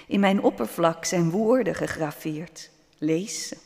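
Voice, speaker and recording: A man voicing a small, wise talking pebble, speaking softly and calmly in a storybook. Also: on the high side, measured pace, gravelly. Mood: calm, gentle. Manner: soft, calm, quietly persuasive. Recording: long hall reverb.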